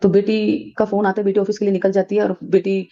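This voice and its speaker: A woman's voice: mid-range voice, flat delivery, fairly quick, mellow. A middle-aged woman telling a casual devotional testimony, chatty and full of fillers and restarts, addressing her listeners as sangat ji. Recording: dull lo-fi recording.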